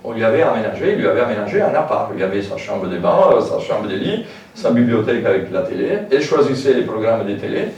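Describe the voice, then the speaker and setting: A man with a lowish, slightly mellow voice lectures fast in a sing-song way, his French accent carrying a foreign lilt. The public talk is casual and hesitant, crowded with fillers and asides, and the audio is dull, recorded from afar in an echoey hall.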